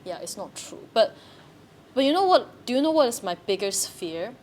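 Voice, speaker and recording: A young theatre practitioner from Hong Kong talks reflectively in a searching, questioning way, often repeating herself. Her voice is a little high and a little mellow, very animated, at a moderate pace. There is faint background noise.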